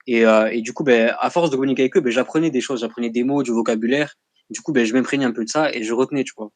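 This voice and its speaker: A young man who is a guest in a casual chat, speaking in a slangy, chatty and animated way. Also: mid-range voice, very fast, no room sound. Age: young adult.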